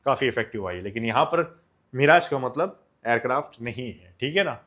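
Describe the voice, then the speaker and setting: A man's voice: medium pitch, expressive, fairly quick, sharp tone. A young man from India teaching a science lesson for exams, mixing Hindi and English, asking questions and answering them himself, and calling his students children. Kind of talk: exam-focused science lecture.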